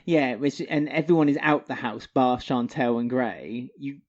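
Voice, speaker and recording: A man with a British accent co-hosting a casual podcast chat, chatty and animated, his voice jumping up when he gets excited. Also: mid-range voice, moderate pace. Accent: British English. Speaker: podcast co-host. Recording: dull lo-fi podcast audio.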